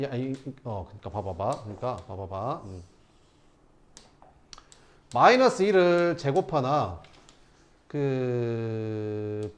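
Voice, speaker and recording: A man teaching math to students, asking rhetorical questions and answering them himself. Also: a little high. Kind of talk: lecturing students through problems.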